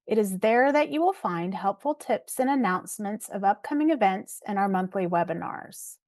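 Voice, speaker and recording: A woman's voice: medium pitch, animated, darkish tone. A woman moderating a webinar, reading a formal speaker introduction over a video call. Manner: formal and measured.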